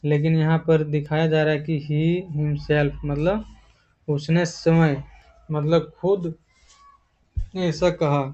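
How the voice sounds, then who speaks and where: A man teaches a grammar lesson with a slightly high voice and an even, level delivery. He goes over each term patiently and repeats it before moving on. The recording sounds somewhat dull and lo-fi. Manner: repeats terms, explains slowly and patiently. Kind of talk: explanatory lesson.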